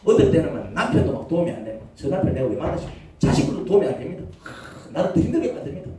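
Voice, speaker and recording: A male pastor, preaching with big swings from loud cries to near whispers. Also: a little high, big pitch swings, racing, very echoey, far from the mic, a loud crowd. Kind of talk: sermon. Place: church sanctuary.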